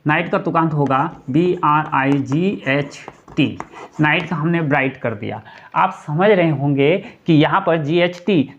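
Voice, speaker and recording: Patient male teacher, spelling letters slowly. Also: on the high side. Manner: repeats key words and spells letters out slowly. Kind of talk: grammar lesson explanation. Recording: dull lo-fi recording.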